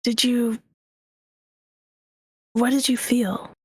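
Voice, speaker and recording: A woman's voice: fairly high pitch, flat delivery, drawn-out words, husky, no echo, studio quality. A woman playing a tabletop role-playing game, chatting casually and speaking for her character.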